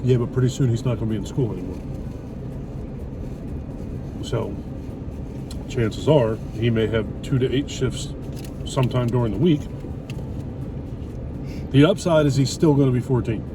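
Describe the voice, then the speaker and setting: A man's voice: medium pitch, normal speed, pauses often. A middle-aged man in casual conversation, talking in a blunt, opinionated way. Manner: blunt, opinionated, lightly swearing. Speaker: vlogger chatting with his wife over a meal. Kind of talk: casual chat. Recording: distant mic, loud traffic and car noise.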